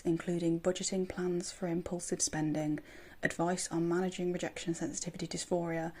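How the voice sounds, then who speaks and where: An excitable woman gushing as she unboxes books, captured on a phone voice recorder app. Her voice sits a little low, with a gravelly, husky edge. She talks in a casual vlog style. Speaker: book vlogger. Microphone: phone voice recorder used as microphone.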